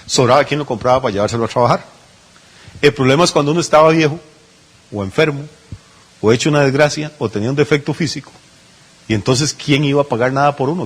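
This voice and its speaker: A man's voice: medium pitch, breathy edge. A male pastor, preaching a sermon in a conversational way, full of rhetorical questions and little acted-out asides.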